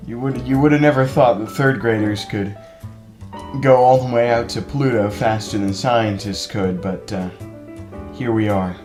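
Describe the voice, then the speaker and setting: Over music, a late-teen young man from California reads a children's book aloud at a measured pace in a medium-pitched voice, tossing in dry, self-mocking asides.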